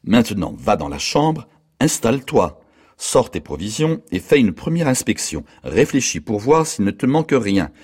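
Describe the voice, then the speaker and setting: A man's voice: fairly low pitch, very animated, moderate pace, a little mellow, slightly rough, voice pushed up. A man reading aloud, voicing an imposing, anxious middle-aged wife who fusses over her husband and gives him orders. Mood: fussing. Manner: fussing, giving orders.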